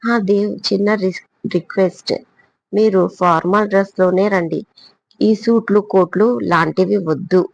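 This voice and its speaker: A woman's voice: mid-range voice, steady tone, normal speed, gravelly, a little mellow, highs cut off, natural voice. A woman voicing a playful, bold young heroine in a spoken audio story. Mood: teasing. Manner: teasing, spirited.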